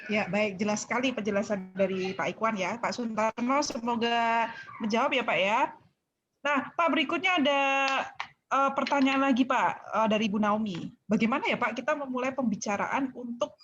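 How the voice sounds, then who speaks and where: A woman moderating a church webinar, reading out questions politely in a relaxed way. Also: fairly high pitch, moderate pace, dull audio, slight background noise. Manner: polite, relaxed, adds "Pak".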